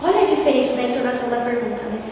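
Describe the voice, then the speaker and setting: High-voiced Brazilian woman lecturing in an echoey hall. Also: very fast, noisy background. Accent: Brazilian Portuguese. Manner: earnest, teaching tone, often checks in with the audience. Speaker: spiritist lecturer. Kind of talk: religious lecture to an audience. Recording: echoey hall recorded from far off, faint ambience.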